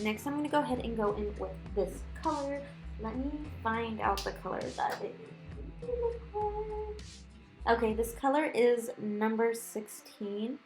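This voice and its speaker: A woman with a lisp that slurs her s sounds, talking in a casual, rambling way as she narrates a nail tutorial. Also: mid-range voice. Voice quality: lisp with slushy s sounds from new dental work. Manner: chatty, rambling, informal. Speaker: nail art video creator. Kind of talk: casual chatty tutorial voice-over. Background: music.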